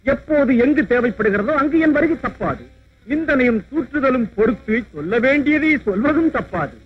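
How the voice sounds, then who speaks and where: An actor playing a wry, meddling divine sage who wanders the worlds carrying news, speaking with a sly, sing-song manner. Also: male voice, very high-pitched, lively intonation, normal speed. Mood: teasing. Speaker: film character. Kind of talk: dubbed mythological film acting. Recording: dull lo-fi old film soundtrack with music.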